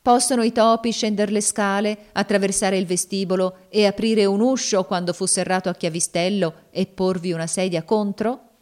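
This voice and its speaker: A woman's voice: mid-range voice, steady tone, moderate pace, darkish tone, lightly acted. A woman voicing a cold, mocking woman who taunts her master in a dramatic audiobook reading. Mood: mocking, taunting. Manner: scornful, sneering.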